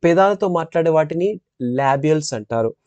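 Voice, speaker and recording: A man with a Telugu accent giving a step-by-step phonetics lecture, repeating sample sounds slowly. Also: fairly high pitch, animated, a little mellow, no echo, lo-fi sound. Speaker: English teacher.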